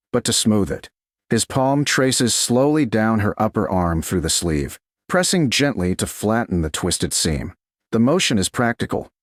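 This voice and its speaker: In a low voice full of very animated pitch movement, a man narrates a romance audiobook from a script, phrasing things in a measured, dramatic way. There's no echo, and the recording sounds dry and intimate.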